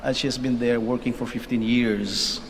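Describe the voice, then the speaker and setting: A Filipino man leads Mass in a measured, deliberate voice, often tagging his phrases with a questioning "no?". His words ring out with a long cathedral echo in a large church. A faint noise sits beneath the sound. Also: medium pitch, steady tone. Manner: measured, deliberate delivery with frequent tag "no?". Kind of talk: Mass gospel reading and homily.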